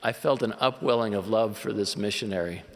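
A man giving an earnest, measured sermon as a church leader at a conference. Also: lowish voice. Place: large conference hall. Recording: long reverb of a large hall.

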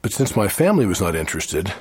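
Husky, lively man from Chile. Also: low-pitched, fast. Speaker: speaker recounting his conversion. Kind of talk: personal testimony.

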